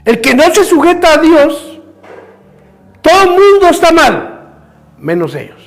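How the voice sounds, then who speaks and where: A man's voice: very high voice, huge pitch swings, unhurried, vocal fry. A man preaching a fervent sermon in church as pastor, firing rhetorical questions and calling his listeners brother.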